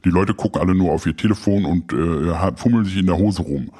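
A man's voice: low-pitched, dark tone. A man playing a pompous, smarmy schoolteacher. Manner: pompous, slow and smug.

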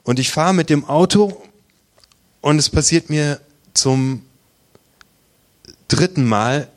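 A man preaching, telling his own faith story earnestly and intimately, at times dropping to a near whisper. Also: medium pitch. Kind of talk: testimony sermon.

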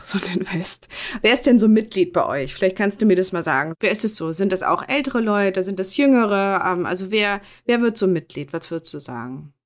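A woman of about forty hosting an interview, chatty and self-mocking, asking loose, rambling questions. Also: mid-range voice. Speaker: host. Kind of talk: casual interview chat.

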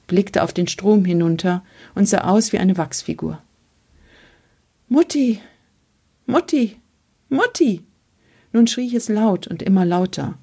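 A woman reading a memoir aloud in a measured, earnest storytelling manner. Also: lowish voice, gravelly, mellow, slightly rough. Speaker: reader.

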